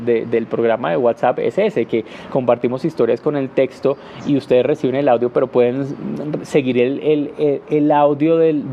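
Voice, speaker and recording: A man with a mid-range voice gives a patient live Q&A English lesson, using lots of "eh" fillers and sounding out rhythms with "ta ta ta". The audio has its highs cut off and slight background noise.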